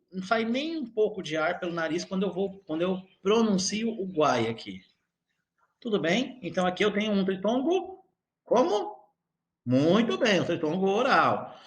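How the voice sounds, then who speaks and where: A male teacher with a Brazilian Portuguese accent gives an online grammar lesson, explaining slowly and often checking in with his students. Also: high voice, fairly bright tone. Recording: echoey room.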